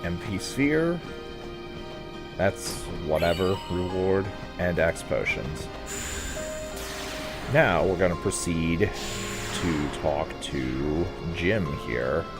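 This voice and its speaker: A man with a very deep voice gives a casual video game walkthrough. His pitch moves around in a lively way as he guides the player, with music clearly playing behind him. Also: extremely slow, long pauses.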